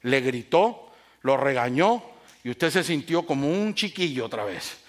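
A man preaching a sermon, speaking straight to his congregation, moving between loud raised phrases and soft, low, confiding asides. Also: sing-song, unhurried. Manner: addresses the congregation directly with rhetorical questions. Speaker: pastor.

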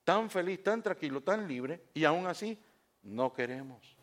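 High-voiced preaching man, swinging loud and soft. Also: lively intonation, measured pace. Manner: preaching with big swings from shouting to hushed tones. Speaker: pastor. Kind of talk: sermon. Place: church.

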